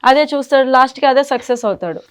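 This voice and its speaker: Smooth-voiced female interviewer. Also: high-pitched, lively intonation, quick pace. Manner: attentive, with many short murmurs of assent. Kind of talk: interview questions.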